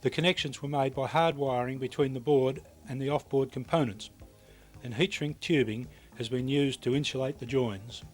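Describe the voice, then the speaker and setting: A man reads scripted instructional narration for a technical training film, precise and matter-of-fact. His voice is medium-pitched and steady at a normal speed. Music plays behind him, and the audio comes from a VHS tape transfer.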